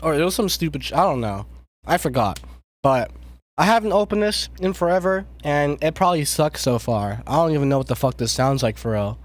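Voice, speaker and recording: A man's voice: fairly high pitch, animated, brisk. A man chatting casually on a live stream as a music producer, sick with a cough and talking around a cough drop, rambling and swearing. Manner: rambling, swears often, self-deprecating.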